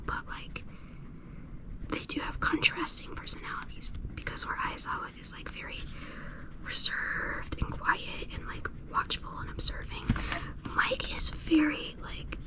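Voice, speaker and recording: A woman speaking in a hushed whisper, rambling casually and slangily in a soft ASMR style. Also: high-pitched, low-quality recording. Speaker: ASMR creator.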